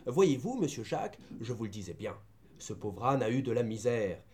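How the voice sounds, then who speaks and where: A man voicing a steady farmhand in a storybook reading, calm and matter-of-fact as he explains. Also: mid-range voice, moderate pace, voice pushed down, close to an everyday voice. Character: steady older male farmhand tending animals.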